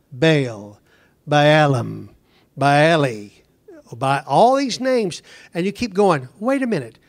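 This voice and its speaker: A pastor preaching a conversational sermon, slowing down to stress words and then rushing ahead. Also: male voice, high voice. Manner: conversational preaching, speeds up and slows down for emphasis.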